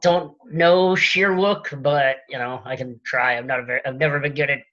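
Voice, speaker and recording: Bright male co-host on dull audio. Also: medium pitch, fairly even intonation, normal speed. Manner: easygoing, laughs often, agreeable. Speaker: podcast co-host. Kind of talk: casual podcast chat. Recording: slightly dull lo-fi sound.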